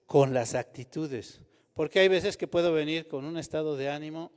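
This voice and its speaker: Pastor guy preaching, lively, keeps asking the crowd stuff, echoey church hall. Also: fairly high pitch, normal speed, smooth. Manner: animated preaching, asks the congregation questions. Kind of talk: sermon.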